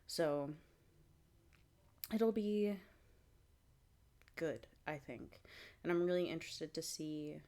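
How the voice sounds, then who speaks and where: A young woman giving a casual fitness vlog update, rambling with fillers and restarts, clearing her throat now and then. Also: low-pitched, slow, pauses often, mellow. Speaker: vlogger.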